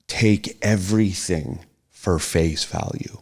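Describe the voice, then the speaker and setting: Here the host's partner, a middle-aged man, chats casually as a podcast guest in a low, husky voice at a slow pace. His speech is hesitant and soft-spoken, full of restarts and unfinished thoughts as he reflects.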